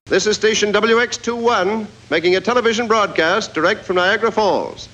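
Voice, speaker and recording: A man making an old-time broadcast announcement, loud and projecting, heard as a tinny AM-radio-style archival clip. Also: high-pitched, normal speed. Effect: tinny old AM-radio-style sound.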